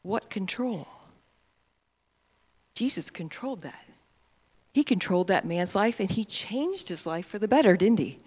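A woman's voice: mid-range voice, lively intonation, a little slow, pauses often, a little mellow, slightly rough. Playful woman leading a children's message. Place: church sanctuary. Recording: reverberant church hall.

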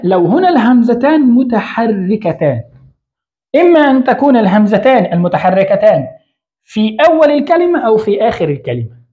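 A man's voice: high voice, dull audio. A man teaching Arabic grammar in an online lesson. He writes on a board as he explains, asks the learner a question, answers it himself, and often corrects his own slips.

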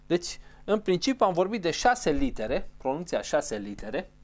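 A language teacher with a fairly high, sing-song voice leads a pronunciation lesson. He patiently repeats each sound and carefully explains how it's formed.

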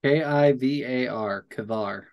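A man's voice: mid-range voice, unhurried, a little mellow. Laid-back man with brief replies. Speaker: player. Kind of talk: casual chat during a tabletop game.

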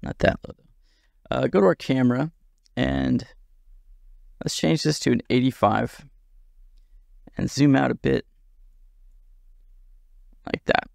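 Gravelly man talking through a tutorial. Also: medium pitch, takes it slowly, long pauses, darkish tone, no room sound, clean studio sound. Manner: chatty, self-deprecating, thinks aloud. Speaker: software tutorial instructor. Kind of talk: casual screen-recorded tutorial.

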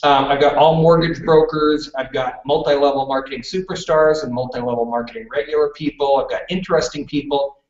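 Before a live classroom audience, a western Canadian workshop presenter from British Columbia talks a little fast, with hardly any pauses. His fairly high, slightly mellow voice stays fairly even in intonation as he chats and checks in with "okay?". It's a roomy, distant, dull room recording.

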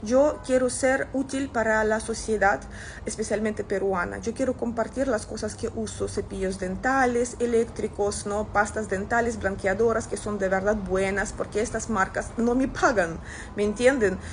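With her phone held at arm's length, a woman in her thirties from Russia answers comments in a casual chat to camera. The social media creator has a Russian accent, a medium-pitched voice with fairly even intonation, and a normal speaking speed, with slight hiss or hum in the background.

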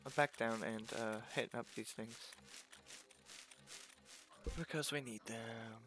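A man's voice: mid-range voice, steady tone, takes it slowly, sharp tone. A man casually commenting on his own gameplay, thinking aloud and talking to himself as he plays.

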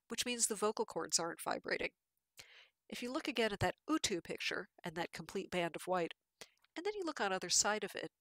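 A woman's voice: mid-range voice, pushed and bright, no echo. A woman giving a patient, explanatory lecture with slides, with fillers and restarts.

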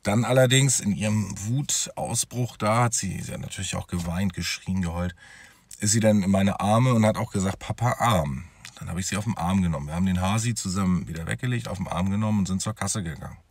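A man's voice: deep voice, fast talker, dry recording. A man telling his own story as a father in a personal vlog, talking straight to his viewers in a conversational way.

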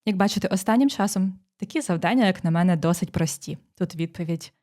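Woman tutor dictating phonetics slowly. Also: fairly low pitch, warm tone. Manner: dictating sounds slowly, explaining rules step by step. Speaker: teacher. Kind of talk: exam prep lesson.

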